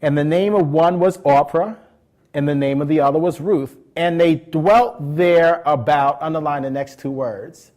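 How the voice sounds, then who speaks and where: A man preaching a Bible teaching, stressing key words slowly and often restarting his sentences. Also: on the high side, dark tone. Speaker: pastor. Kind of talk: sermon teaching.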